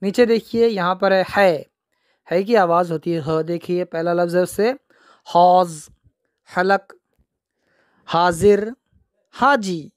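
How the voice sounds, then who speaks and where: A man's voice: high voice, slow pace, long pauses, dry recording, clean studio sound. A man teaching young children the alphabet, repeating each word and answering his own questions.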